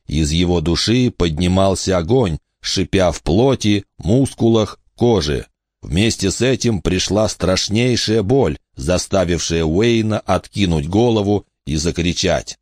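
A man narrating an audiobook in a steady, measured reading. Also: low-pitched, no room sound, clean studio sound.

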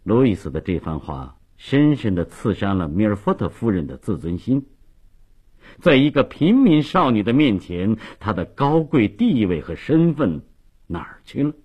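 A man telling a long story on radio with dramatic, lively delivery. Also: fairly low pitch, moderate pace, breathy edge.

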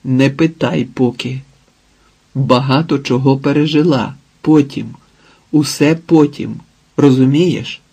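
A man voicing a gruff young man who speaks sternly and in short phrases. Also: mid-range voice, slow, dark tone, heavily acted. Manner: stern, clipped.

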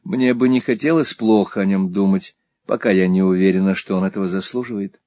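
A man's voice: sits low, a little fast, warm tone, no room sound, lightly acted. Man voicing a proud, earnest young woman.

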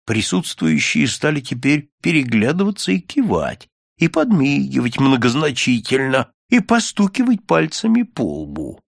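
A man narrating a classic story as an audiobook in an expressive, dramatic reading style. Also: medium pitch, unhurried, vocal fry, no echo, clean studio sound. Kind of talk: scripted literary narration.

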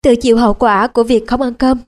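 A woman narrating an audiobook in a calm, measured read. Her pitch sits somewhat high. Her tone is soft and mellow, with no edge. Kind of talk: scripted narration.

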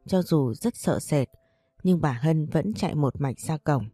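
A woman reading a story in a steady, measured manner. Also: low-pitched, dry recording, soft background music. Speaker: narrator. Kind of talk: scripted audiobook narration.

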